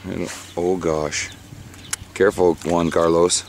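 A man's voice: deep voice, level tone, unhurried, a little hiss or hum. A man on a small fishing boat, chatting casually and joking to the camera, swearing freely. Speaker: fishing vlogger. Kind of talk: casual outdoor chat with jokey commentary. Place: small fishing boat on a marshy bay outdoors.

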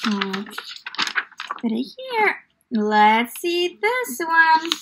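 In a small indoor room, a young woman with a very high-pitched, sharp voice leads a children's lesson and read-aloud, and the audio quality is poor. She addresses the little ones encouragingly, in an exaggerated child-directed style full of questions.

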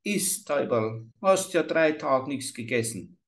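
A man's voice: medium pitch, lively intonation, unhurried, voice pushed up. A man reading aloud and voicing an ugly old forest witch who coaxes slyly and cruelly. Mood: coaxing sly. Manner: coaxing, sly, cackling.

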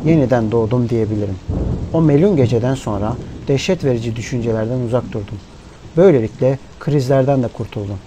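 A man narrates an audiobook in a measured, somber voice of ordinary pitch. Steady rain and rolling thunder sit clearly beneath his reading. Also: a little hiss or hum. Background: rain and thunderstorm ambience.

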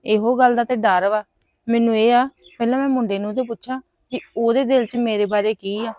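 A woman's voice: a little high, steady tone, brisk, darkish tone, dry recording, close to an everyday voice. A woman in her late twenties playing a hesitant elder daughter who confides in a friend. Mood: confiding. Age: 20s. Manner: hesitant, pleading. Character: shy 29-year-old woman confiding a crush. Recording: dry, dull lo-fi sound.

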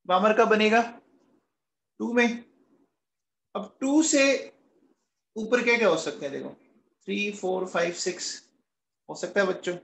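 A man's voice: sits high, unhurried, gravelly, long pauses, fairly bright tone, reverberant, poor audio. A man teaching a chemistry class who coaxes his students with questions and then answers them himself, affectionately calling them kids. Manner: calls students "beta" and "bachche" affectionately. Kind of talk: classroom lecture.

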